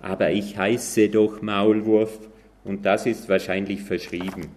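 A sly, fast-thinking mole from a children's storybook, voiced by a man reading aloud. It pleads and wheedles, set higher than the reader's very deep voice. It talks slowly. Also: level tone, a little mellow, a little hiss or hum, lightly acted. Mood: protesting.

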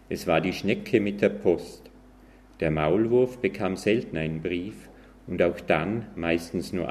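A man narrating an animal story in a calm, measured way. His voice is very deep. He reads slowly. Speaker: reader.

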